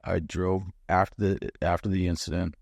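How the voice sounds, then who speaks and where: A middle-aged man, a former bomb disposal chief, telling stories in a blunt, profane, animated way in a casual conversation. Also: low-pitched, normal speed, creaky, no room sound, studio quality.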